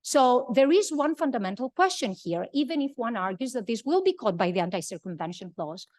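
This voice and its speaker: A woman speaking on a conference panel, laying out legal points in a measured, precise way with a few fillers. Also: on the high side, very animated, darkish tone, no echo, clean studio sound. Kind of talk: academic panel talk.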